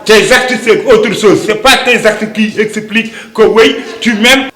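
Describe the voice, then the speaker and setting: A man's voice: high-pitched, unhurried, echoey room. A man playing a blustering jealous village husband. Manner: blustering, repeats himself with loud emphatic bursts. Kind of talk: comic sketch acting.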